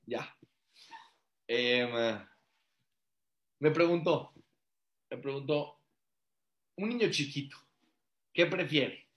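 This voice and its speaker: A man's voice: mid-range voice, drawn-out words, long pauses, reverberant, highs cut off. A man, a father and rabbi, teaching a religious class in an earnest, conversational way, repeating phrases for emphasis and asking many rhetorical questions. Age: adult father.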